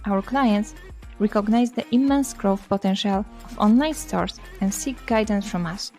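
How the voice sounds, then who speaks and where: A woman's voice: mid-range voice, a little slow, mellow, faint music behind. Woman narrating a scripted intro.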